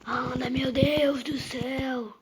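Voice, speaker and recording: Loud background noise surrounds this woman's live gameplay commentary for her YouTube channel. Speaking with a Brazilian Portuguese accent in a high, steady voice at a slow pace, she sounds impatient and keeps pushing things to move along.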